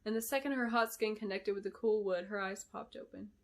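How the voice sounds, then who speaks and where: An author with a mid-range voice reads aloud from her own fantasy novel. The narration is scripted and dramatic, delivered in an expressive, deliberate storytelling style.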